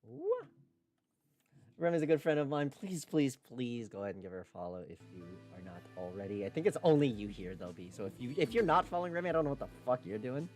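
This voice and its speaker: A man hosting a live stream, chatting casually and excitably as he plays a game, now and then swearing. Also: mid-range voice, fast talker, faint music behind. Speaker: streamer and host.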